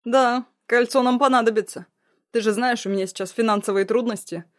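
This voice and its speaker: A woman voicing a cruel young man, a blackmailing ex-fiancé, in a loud, mocking, threatening way. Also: a little high, fairly even intonation, brisk, pitched above the performer's own voice, lightly acted. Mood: menacing.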